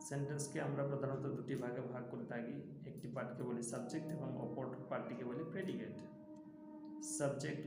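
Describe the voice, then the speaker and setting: A young man with a Bengali accent teaching an English grammar lesson, speaking in a slow, halting way with many fillers. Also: medium pitch. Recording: echoey room with faint background noise.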